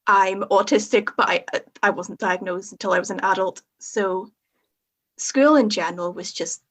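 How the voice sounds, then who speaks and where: A young Northern Irish woman with a husky voice chats casually as a podcast guest, frank and self-mocking as she laughs at her own story. Her voice is mid-range and fairly bright, and she speaks at a normal speed.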